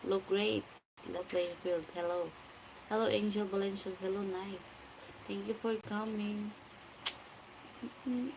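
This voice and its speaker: A Filipino woman in her forties with a Filipino accent speaks slowly and flatly in a medium-pitched voice with a gravelly edge. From home at night, she livestreams casually, greeting viewers by name and answering their comments over steady background noise.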